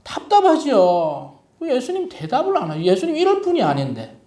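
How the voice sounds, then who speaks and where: A male pastor preaching a sermon, lively and humorous, often asking the congregation questions. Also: very high voice, moderate pace. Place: church sanctuary. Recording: echoey church hall from a distant mic.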